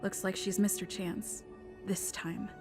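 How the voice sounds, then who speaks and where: A woman playing a weary young traveler who talks slowly and quietly, with sighs in her lines. Music plays clearly behind her. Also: medium pitch, flat delivery, natural voice. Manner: tired, quiet.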